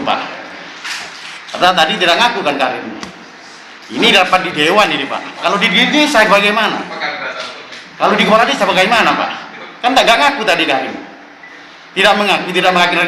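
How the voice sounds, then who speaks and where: Insistent man, echoey hall. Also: sits high. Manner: insistent, repeats "Pak" after nearly every phrase. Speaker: villager complaining at a council hearing. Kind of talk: impassioned public complaint. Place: council meeting room. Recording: echoey room with steady background noise.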